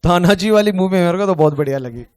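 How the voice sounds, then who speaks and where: A man with an Indian accent teaching an online tax class, chatting casually and joking, then slowly dictating questions. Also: high voice, animated, darkish tone, clean tone, no room sound.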